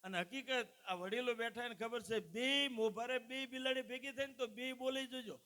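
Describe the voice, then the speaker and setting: A man's voice: extremely high pitch, moderate pace, pushed and bright. A man, telling jokes and folk stories live to an audience and addressing the crowd as "saheb". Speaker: stand-up folk comedian at a dayro. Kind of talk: live comic storytelling to an audience.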